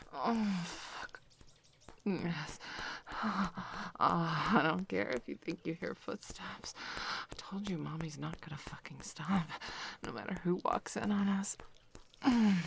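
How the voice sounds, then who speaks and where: In intimate adult roleplay audio, a woman plays a dominant, possessive lover, mostly breathing her lines in a whisper with long sighs between short phrases. Her voice is lowish, the mood possessive and aroused, and there's slight background noise.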